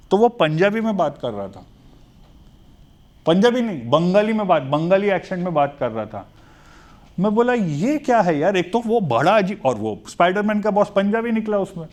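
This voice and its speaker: A male teacher with an Indian accent gives a chatty, jokey classroom lecture in a classroom, switching between Hindi and English and slowing down to dictate English phrases. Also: sits high.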